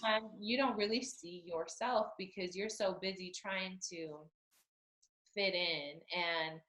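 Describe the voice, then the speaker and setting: A woman's voice: lowish voice, slow pace, a bit bright, echoey room, low-quality recording. A woman from Utah, an author, talking candidly and reflectively in an interview, often saying "you know.". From Utah, United States. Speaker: author and guest. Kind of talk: conversational interview.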